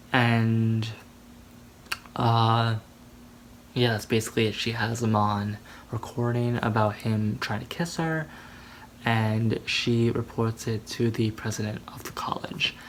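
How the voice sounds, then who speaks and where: A man's voice: mid-range voice, level tone, slow pace, long pauses, a little hiss or hum, low-quality recording. Rambling man recapping a movie. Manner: rambling, many fillers. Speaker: movie reviewer vlogger.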